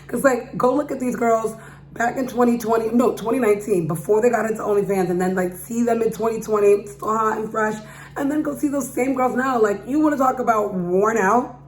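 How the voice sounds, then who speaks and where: A woman's voice: a little high, fairly quick. A woman with a slightly harsh, raised voice gives a casual, slangy opinion monologue to viewers, putting rhetorical questions to them. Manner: speaking loudly to be heard. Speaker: vlogger giving opinion. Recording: roomy echo with background hum.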